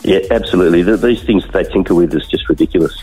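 A man with a slightly husky voice and an Australian accent, giving emphatic, exasperated opinions as a radio caller. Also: low-pitched, rapid-fire, warm tone, faint music behind, rough recording. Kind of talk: casual opinion on talkback.

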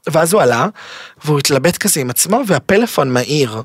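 A man spins a personal story as a podcast guest, swinging from loud outbursts to near-whispers. His voice is rough and gravelly, sitting a little high for a man. The recording is close and dry, with no room sound. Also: no echo. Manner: lively, dramatic, quick shifts between loud and hushed.

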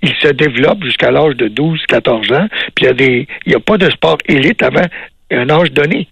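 Gravelly Québécois doctor explaining slowly. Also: male voice, mid-range voice, fairly bright tone, dry recording, poor audio. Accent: Québécois French. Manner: measured, explanatory, slow pauses. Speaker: cardiologist guest. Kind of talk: radio interview.

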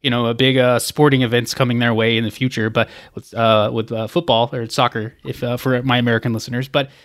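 A man's voice: mid-range voice, little pitch movement, a bit bright. A man hosting a travel podcast, affirming his guest and asking him questions. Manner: quick, affirming interviewer. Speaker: podcast host. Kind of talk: interview hosting.

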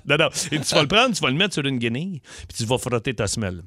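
A man's voice: mid-range voice, dry recording, clean studio sound. A man with a Québécois French accent telling a story casually on morning radio. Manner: animated, fast-talking storyteller. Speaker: radio show co-host.

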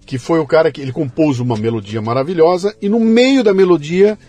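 A man hosting a podcast in relaxed conversation, often trailing off quietly at the ends of phrases. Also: a little high, fairly quick. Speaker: podcast host. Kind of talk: casual podcast chat.

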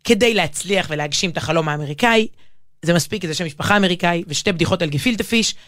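A woman's voice: fairly low pitch, a bit bright, no echo, clean studio sound. A woman with an Israeli accent co-hosting a casual talk show, speaking emphatically and often breaking off to rephrase mid-sentence. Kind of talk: casual animated conversation.

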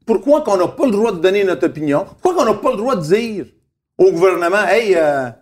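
A man's voice: high-pitched, very animated, fast talker, a little mellow. A man, telling stories emphatically in a casual chat and asking rhetorical questions. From Montreal, Quebec. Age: 50s.

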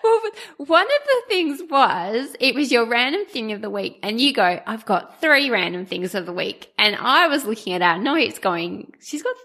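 A woman co-hosting a podcast, chatting casually and telling stories in an animated way. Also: fairly high pitch, normal speed, few pauses. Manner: animated storytelling. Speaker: podcast co-host.

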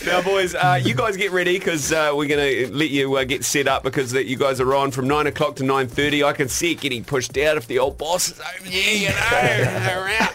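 A man's voice: on the high side, brisk, hardly any pauses, bright, forceful tone. A man hosting a breakfast radio show in blokey, slangy, casual chat. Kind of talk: lively casual studio chat.

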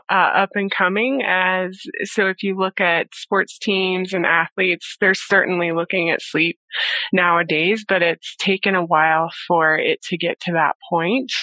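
A woman sleep scientist, a guest in an interview, explaining research in a measured way with frequent pauses and "you know". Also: fairly low pitch, sharp tone, no room sound, poor audio. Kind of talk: interview conversation.

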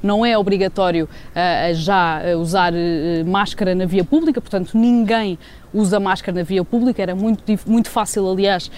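A woman with a European Portuguese accent giving a semi-spontaneous live report as a sports correspondent, often pausing mid-phrase. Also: medium pitch, darkish tone, clean tone. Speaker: sports journalist, special correspondent.

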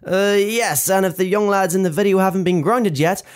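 A man's voice: sits high, moderate pace, clean tone, natural voice. A man voicing a second morning news presenter with wry banter.

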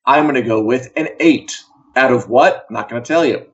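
The dull, lo-fi recording captures a man with a mid-range voice speaking a little fast. He's co-hosting a casual pop culture news chat on a live show via video call, keeping it wry, jokey and chatty.

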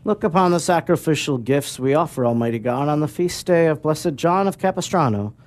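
Solemn priest reciting Mass prayers. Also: male voice, on the high side, animated, a little mellow. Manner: solemn, measured, formal phrasing.

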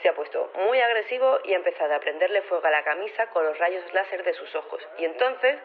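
A woman with a mid-range voice plays a casual, matter-of-fact, unflappable robotics professor as the interviewee in a staged phone interview for audio fiction. She rambles colloquially and understatedly, filtered like a telephone call on a tinny line with clear background noise.

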